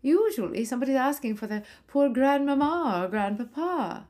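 A woman's voice: sits high, expressive, moderate pace, a little mellow, pitched above the performer's own voice. A woman voicing the vain, glamorous ghost of an old-Hollywood film star, theatrical and grand, who keeps calling her listeners darlings. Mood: campy. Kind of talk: scripted comedy podcast monologue.

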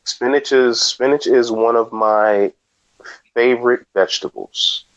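A man co-hosting a podcast in casual chat, joking with dry, deadpan asides. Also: medium pitch, a little slow, lo-fi sound. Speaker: podcast co-host.

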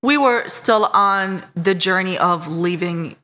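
In a lowish voice and at a slow pace, an Iraqi woman tells her life story as a podcast guest. The casual interview storytelling is warm and candid, full of self-mocking laughter.

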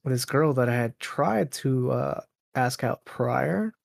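A man's voice: medium pitch, lively intonation, slow, creaky, dry recording, clean studio sound. A man in his late twenties, a podcast guest, telling a dating story casually, rambling with lots of fillers and laughs. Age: late 20s.

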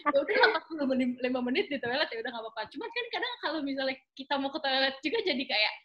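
A woman from Indonesia chatting casually as a podcast guest, animated and quick to laugh, dropping in English words. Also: high voice, highs cut off. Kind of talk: casual chat.

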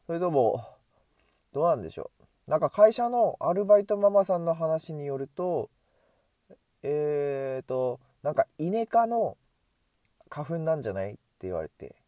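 Mellow-voiced man rambling with a runny nose. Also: on the high side, big pitch swings, normal speed, long pauses, no room sound. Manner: chatty and self-amused, talks to himself. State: runny nose from hay fever. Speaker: solo podcaster. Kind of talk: casual rambling monologue. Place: outdoors on a street, walking. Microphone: earbud headset mic.

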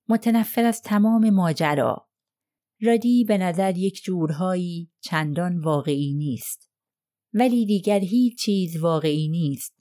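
A woman narrating a crime novel audiobook in a measured, even reading style. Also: on the low side, no echo, studio quality.

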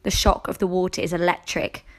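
A woman reading a novel aloud in the first person, in a steady, measured way. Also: lowish voice. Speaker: audiobook reader.

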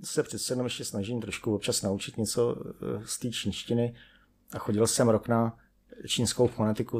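A man's voice: lowish voice, a little mellow, husky. A middle-aged chemist telling self-deprecating anecdotes about his studies in a rambling, conversational way, full of fillers. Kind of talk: conversational storytelling.

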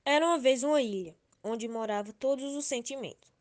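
A woman student reading a fable aloud for a school assignment, in an expressive way. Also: sits high, fairly quick. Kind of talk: storytelling read-aloud.

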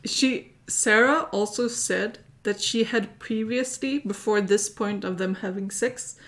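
A woman's voice: medium pitch, unhurried, fairly bright tone. A woman hosting a casual chat, recounting events with plenty of fillers. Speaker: host recounting a story.

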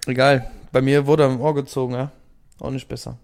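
A man's voice: mid-range voice, little pitch movement, a little fast, gravelly, a little mellow, clean tone. A young man co-hosting a casual chat podcast, teasing his friend in slangy banter. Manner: teasing, slangy, says Bruder and Digga. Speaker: podcast co-host.

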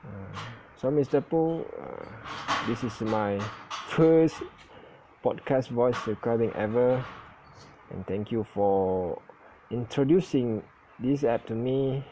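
A man who is not a native English speaker, recording his first casual podcast on a phone app and talking in a hesitant, halting way with many self-corrections. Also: mid-range voice, noisy background. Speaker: English learner.

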